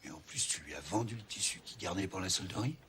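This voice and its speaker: A man's voice: deep voice, lively intonation, fast, pushed and bright, a little hiss or hum. An actor playing a strict male boss scolding an employee. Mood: angry. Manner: scolding, interrogating.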